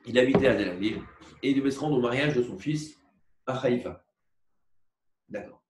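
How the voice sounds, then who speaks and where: A man teaching a religious lesson, explaining slowly with many repetitions and asides and asking for agreement. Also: medium pitch, background noise. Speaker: Torah teacher. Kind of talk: religious lecture with a parable. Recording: echoey room recorded from far off.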